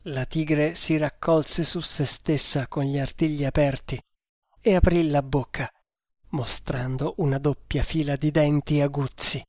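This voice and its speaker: A man narrating an adventure novel in a measured, deliberate storytelling manner. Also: fairly high pitch, a little mellow, no room sound, studio quality. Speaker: audiobook narrator.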